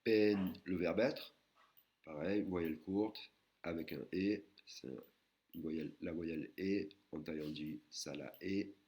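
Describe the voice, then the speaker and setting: A man teaching a recorded language lesson, patiently explaining and sounding out words slowly, syllable by syllable. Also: extremely low pitch, warm tone. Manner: slow, careful, syllable-by-syllable pronunciation of Thai words.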